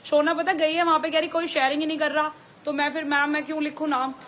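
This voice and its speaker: A woman's voice: sits high, flat delivery, fast talker, fairly bright tone, slight background noise. A woman who runs a clothing store, chatting through a live sales stream, repeating prices and making teasing asides in Hindi with a Delhi accent. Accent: Delhi Hindi with English mixed in.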